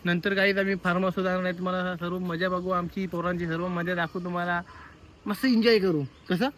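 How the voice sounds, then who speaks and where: A woman's voice: lowish voice, steady tone, fast, a little hiss or hum. A woman vlogging at a cow shelter, coaxing and teasing a child in casual chat, often repeating herself. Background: animal sounds and outdoor ambience.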